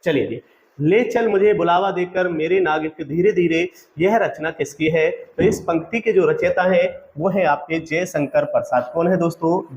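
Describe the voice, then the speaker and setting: A male exam-prep teacher giving a quiz-style lecture. He asks each question, gives the answer, then asks again so the students repeat it, and keeps calling the audience friends. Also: fairly high pitch.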